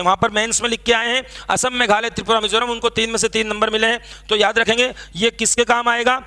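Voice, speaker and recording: A male teacher, lecturing while he sketches a map. His voice sits very high and sounds bright and forceful. He has students chant lists back to him. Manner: drills students with call-and-response repetition; talks while drawing on a map. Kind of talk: classroom lecture.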